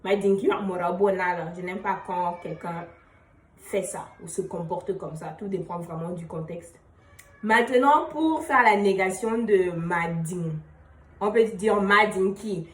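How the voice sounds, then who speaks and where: Woman teaching patiently in an echoey room. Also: mid-range voice. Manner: explains patiently, repeats example phrases slowly, trails off quietly at ends of phrases. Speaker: language teacher. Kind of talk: casual spoken lesson. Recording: roomy echo, voice a bit far from the mic.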